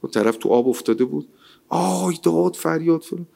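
A man giving a lively, colloquial sermon, asking rhetorical questions and reciting scripture. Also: fairly high pitch, creaky. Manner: rhetorical, animated, quotes scripture. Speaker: religious speaker.

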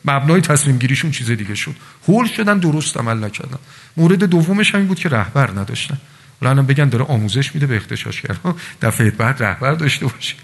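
A man preaching a religious sermon to a gathering, telling stories in a lively, animated way with voiced asides. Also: mid-range voice, vocal fry, slightly rough. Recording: long reverb of a large hall.

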